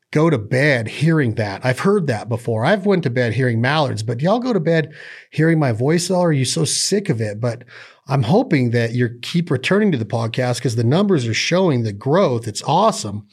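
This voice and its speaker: This male podcast host has a medium-pitched, slightly mellow voice. His casual talk wanders and jokes folksily before sliding into ad reads.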